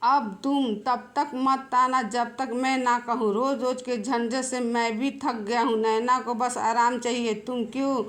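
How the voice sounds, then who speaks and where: A woman's voice: on the high side, steady tone, measured pace, few pauses, fairly bright tone. A woman voicing a frustrated young husband who speaks firmly, in a storybook tale. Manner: firm, fed up.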